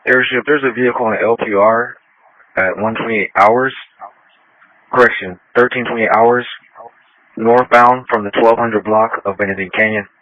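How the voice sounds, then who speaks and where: A man's voice: medium pitch, steady tone, moderate pace, no room sound. A male police officer reporting over the radio in short, matter-of-fact bursts. The transmission is muffled and dry, with a dull, narrow sound.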